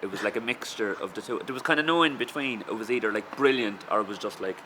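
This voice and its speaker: A supporter telling a rambling, amused story about fellow fans. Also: male voice, lowish voice, fast talker, heavy background noise.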